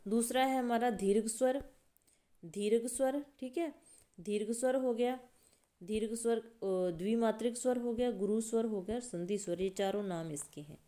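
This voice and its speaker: A woman's voice: fairly high pitch, normal speed, dark tone. A woman teaching an exam-prep grammar lesson, repeating key terms, asking and answering her own questions and sounding out vowels to demonstrate.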